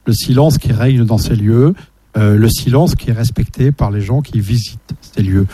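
Dark-voiced hesitant male host. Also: mid-range voice, normal speed, breathy edge, no echo. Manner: hesitant, many fillers and restarts. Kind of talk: casual radio discussion. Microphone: shared microphone.

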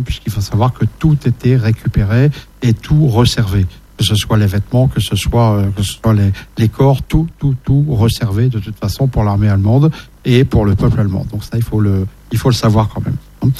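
A man's voice: on the low side, warm tone. A man hosting a casual discussion, speaking hesitantly with many fillers and restarts, passing a shared microphone. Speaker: host.

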